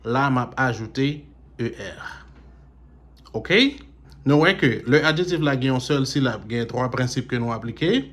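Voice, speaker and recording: Slow, deliberate male teacher. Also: mid-range voice, a bit bright. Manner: spells out letters, repeats example words slowly; switches between English examples and French explanations. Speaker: English teacher. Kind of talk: recorded language lesson.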